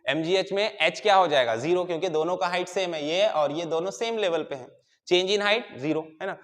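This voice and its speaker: A man's voice: high voice, moderate pace, fairly bright tone, in a large hall. A man lecturing on engineering mechanics, explaining each step and checking in with his students. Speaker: engineering teacher. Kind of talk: whiteboard lecture.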